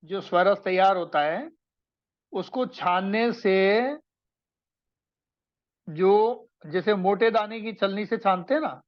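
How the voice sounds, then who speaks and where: Man, teacher, slow careful lecture, recaps points for note-taking, dull lo-fi sound. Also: sits high. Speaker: Ayurveda teacher.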